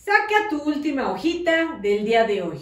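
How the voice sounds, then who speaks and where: In an echoey room, a little distant from the mic, a Mexican Spanish-accented primary school teacher leads a patient early-literacy lesson with a high, sing-song voice. She dictates words slowly and clearly to young children, coaxing and praising them gently.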